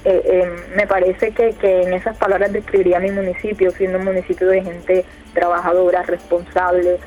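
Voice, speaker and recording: A woman in her 20s from Colombia's Córdoba department, a youth council leader, answers as a radio guest in a casual, hesitant way full of fillers and restarts. Her voice is on the low side, level, and at normal speed. The radio audio is muffled, with faint music behind.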